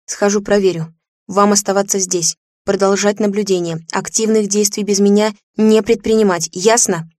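A woman's voice: medium pitch, fairly even intonation, moderate pace, a little mellow, dry recording, studio quality, natural voice. A woman reading an audiobook, voicing a fierce young policewoman sergeant who gives curt orders. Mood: triumphant, commanding. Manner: curt, commanding.

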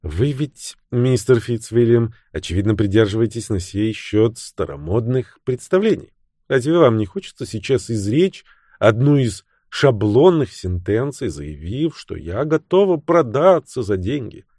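Putting on the voice of a cool young woman with a sharp, mocking tongue, a male narrator goes higher than his natural pitch, sing-song and widely swinging. He's unhurried, and the close, dry recording has no room sound.

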